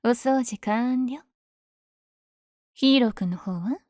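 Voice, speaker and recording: Woman playing a mellow, teasing, lovestruck villainess. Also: fairly high pitch, takes it slowly, dry recording, studio quality. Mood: playful, cocky. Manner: teasing, breathy asides. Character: powerful flirtatious villain lady, smitten with her hero rival. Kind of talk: ASMR situation voice drama.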